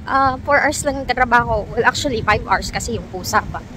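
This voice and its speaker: A young Filipina woman vlogs outdoors in cold weather, chatting casually to her viewers in a storytelling way and laughing often, though she's sick, low and tired. Her voice is a little high and a little fast, with background noise.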